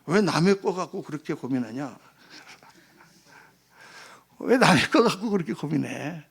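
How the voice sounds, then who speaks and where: A man voicing God, hushed, slow and lower. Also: very animated, creaky, breathy edge, heavily acted. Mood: gentle rebuke. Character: God, calm male voice gently rebuking.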